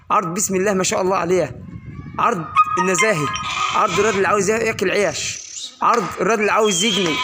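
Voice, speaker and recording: A man with an Upper Egyptian Arabic accent giving an exclamatory, repetitive livestock sales pitch in the manner of a street vendor's chanting cry. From Egypt, Asyut in Upper Egypt. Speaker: livestock seller presenting his sheep for sale. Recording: noisy recording with animals bleating. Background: sheep bleating.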